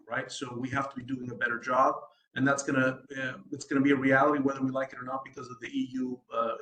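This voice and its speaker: A US-based sustainability design consultant speaks at an online event in a medium-pitched, sharp-toned voice, recorded roughly in an echoey room. He hesitates often, restarting sentences, saying um, and repeatedly asking "right?".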